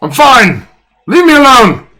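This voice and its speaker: Man acting out an angry drunk, shouting and shrill. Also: very animated, a little slow, heavily acted, low-quality recording. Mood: belligerent, drunk. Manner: irritable shouting, defensive. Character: angry drunk man in fantasy town, slumped and belligerent. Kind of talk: tabletop game role-play.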